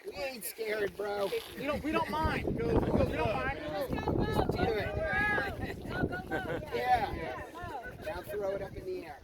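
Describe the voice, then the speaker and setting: A woman's voice: fairly high pitch, animated, slow pace, long pauses. A woman chatting casually outdoors in the wind, recorded from a distance with heavy noise. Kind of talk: casual chat among mourners.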